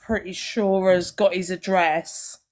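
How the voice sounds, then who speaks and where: A woman's voice: fairly low pitch, fairly even intonation, takes it slowly. A woman streamer chatting casually and explaining things in a plain-spoken way. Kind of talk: casual live-stream chat.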